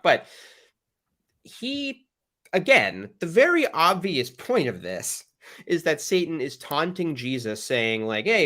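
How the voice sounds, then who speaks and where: A man hosting a podcast, giving sarcastic, animated commentary and laughing often. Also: mid-range voice. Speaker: podcast host. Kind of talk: casual commentary chat.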